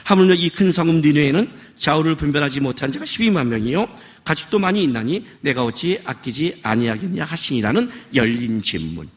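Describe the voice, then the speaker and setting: Man, pastor, preaching a sermon, scolding rhetorical questions, raised pitch, animated delivery. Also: fairly quick. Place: worship service.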